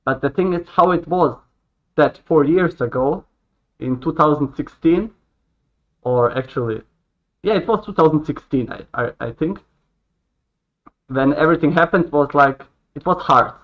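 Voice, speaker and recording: Croatian-born guy in his late 20s, kinda high voice, earnest and halting, a bit muffled and lo-fi. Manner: earnest, halting, with frequent restarts. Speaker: guest. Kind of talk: casual conversation. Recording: dull lo-fi sound.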